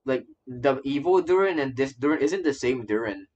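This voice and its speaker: Animated and a little mellow, this man talks at normal speed in a medium pitch, and the recording sounds lo-fi. He's streaming a game and reacting to its story, rambling casually with stammers and repeated phrases. Game music plays underneath.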